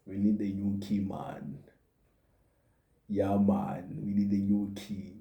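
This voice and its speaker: A man putting on a laid-back Jamaican man with a Jamaican accent and a slow, easygoing drawl. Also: fairly low pitch, level tone, gravelly, muffled recording. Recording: roomy echo.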